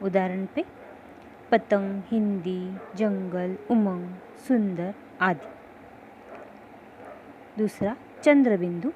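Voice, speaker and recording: Slow, careful woman teaching grammar. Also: mid-range voice, dark tone, low-quality recording. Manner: slow, careful explanation that spells out letter sounds one by one. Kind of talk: reading a grammar lesson. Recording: faint background noise.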